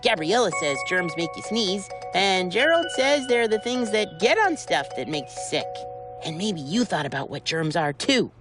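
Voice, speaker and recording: A woman's voice: fairly low pitch, sing-song, moderate pace. A woman voicing a curious, upbeat little boy in a preschool cartoon, chirpy and inquisitive like a young reporter. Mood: confident, upbeat. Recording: loud music behind the voice.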